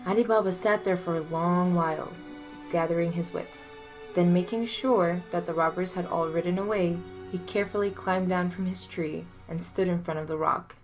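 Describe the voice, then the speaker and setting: A woman reading a folktale aloud in a measured, expressive storytelling manner. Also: fairly low pitch, soft background music.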